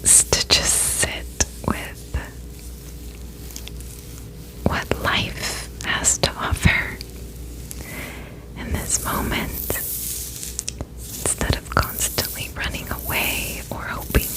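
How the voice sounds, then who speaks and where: A woman whispering a gentle, reassuring pep talk in a reflective ASMR style, her voice breathy and unvoiced. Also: very slow, long pauses, low-quality recording. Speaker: ASMR host.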